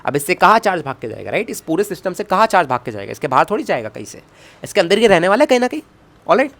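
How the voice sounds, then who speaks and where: Lively man teaching physics. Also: high voice, very fast, creaky. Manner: lively, coaxing, asks constant check questions; jokey asides and self-talk while writing. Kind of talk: online lecture at a whiteboard.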